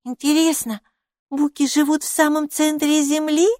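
A woman reading an audiobook and voicing an eager six-year-old girl with high, loud exclamations. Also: fairly even intonation, moderate pace, no echo, studio quality, natural voice. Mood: excited.

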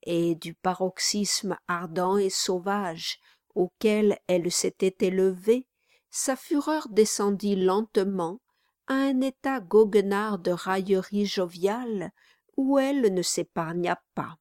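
Slow, measured woman narrator. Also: mid-range voice, darkish tone, dry recording, studio quality. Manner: measured, deliberate literary reading. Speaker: audiobook narrator. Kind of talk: scripted narration.

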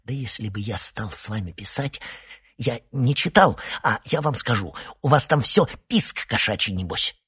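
Man doing a sneering raspy old psychiatrist. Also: big pitch swings, fairly quick, a bit bright, exaggerated voice. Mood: scornful. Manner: sneering, shrill, agitated whispering. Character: old sarcastic male psychiatrist, scornful and jittery. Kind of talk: audiobook character voice.

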